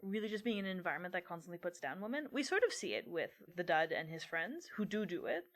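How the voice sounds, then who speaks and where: A woman's voice: on the low side, animated, fast talker. A young woman co-hosting a casual book-discussion podcast, talking things through with frequent laughter. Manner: laughs often while talking. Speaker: podcast co-host.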